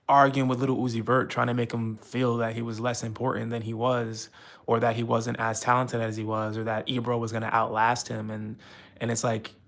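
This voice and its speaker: A man's voice: medium pitch, creaky, a bit bright. A young man from the United States talking casually and frustratedly on a live stream, rambling with many fillers.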